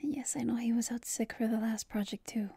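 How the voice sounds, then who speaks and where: Breathy whispered role-play, tired girlfriend on late-night call woman acting. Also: on the high side, level tone, fairly quick, mellow, no room sound. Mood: tired, sheepish. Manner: intimate late-night call to a lover, hesitant, teasing.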